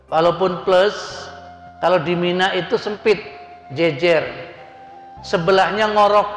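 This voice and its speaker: Middle-aged man, preacher, folksy storytelling sermon, gravelly voice, echoey hall with faint music. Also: high voice. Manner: folksy, chatty, acts out the people in his stories. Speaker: preacher and hajj guide.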